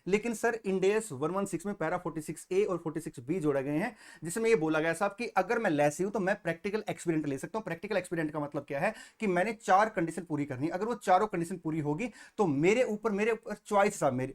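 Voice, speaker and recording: A man from India giving a fast accounting exam lecture, mixing Hindi and English with an Indian English accent and often checking in with listeners. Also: sits high. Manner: rapid Hindi-English mix, habitually says "saahab", checks in with "theek". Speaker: CA exam tutor.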